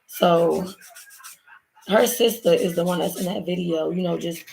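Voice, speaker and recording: Lowish and darkish in tone with vocal fry, this hoarse woman speaks a little slowly, having lost her voice. She's a Baltimore vlogger chatting to y'all, her viewers, in a rambling story time while doing her nails at home. The laptop mic recording is rough, with slight background noise.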